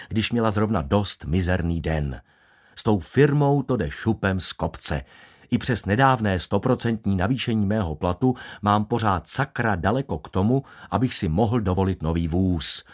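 A man narrating a first-person audiobook in a wry, ironic way. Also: on the low side.

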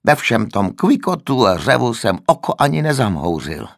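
A man's voice: medium pitch, big pitch swings, creaky, no room sound, studio quality, pitched above the performer's own voice. A man voicing a grumpy, wheezing old man with a cracked, aged voice who complains peevishly. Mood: sarcastic.

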